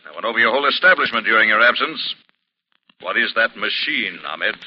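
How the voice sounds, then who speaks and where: Stern invisible avenger, commanding, ominous, muffled vintage radio sound. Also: male voice, lowish voice, animated, a little fast, husky. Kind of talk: 1940s radio acting. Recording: muffled old 1940s radio broadcast.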